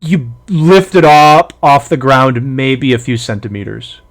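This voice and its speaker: A man narrating a tabletop game as game master, lively and halting with fillers. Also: medium pitch.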